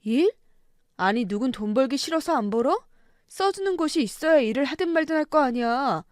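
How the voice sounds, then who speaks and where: A drunk, bullying middle-aged husband snaps and shouts with bitter scorn in a story radio drama, as a woman puts him on. The sound is dry and close. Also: sits high, expressive, fairly quick, no room sound. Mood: drunken rage.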